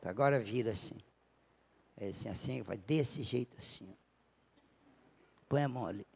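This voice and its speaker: A Brazilian man lectures at a spiritist center in a gravelly, husky voice. He tells a story from his own family, acting out each side of the dialogue and slowing down to stress his points. His pitch sits in an ordinary middle range. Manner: storytelling, acting out dialogue with big shifts in loudness. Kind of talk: spiritual lecture with personal anecdote.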